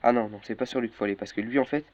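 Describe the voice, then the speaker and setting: A man's voice: mid-range voice, steady tone, very fast, darkish tone. A young man walking through a casual tutorial, hesitant, with many fillers and self-corrections. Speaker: tutorial maker. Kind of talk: casual screen-recorded tutorial. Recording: dull lo-fi mic with faint noise.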